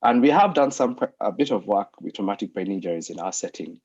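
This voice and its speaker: Husky-voiced man on a video call. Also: on the low side, expressive, fairly quick, a little mellow. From Uganda. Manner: hesitant, many fillers and restarts. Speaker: anesthetist and lecturer giving a talk. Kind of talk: online presentation. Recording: muffled video call audio.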